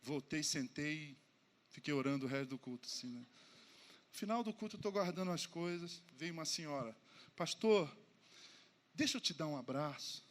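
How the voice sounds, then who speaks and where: A man with a Brazilian Portuguese accent, a pastor preaching to his congregation with animated, self-mocking storytelling and acted-out dialogue. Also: on the high side, moderate pace. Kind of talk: humorous sermon storytelling. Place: church service before a congregation.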